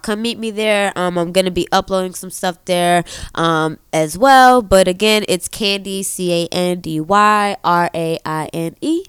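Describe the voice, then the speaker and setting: A woman co-hosting a casual podcast, playful and full of slang, who likes to repeat a phrase for fun. Her pitch swings widely as she talks. The voice is clear and the sound dry. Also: a bit bright, no room sound. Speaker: podcast co-host and DJ. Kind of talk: casual chat.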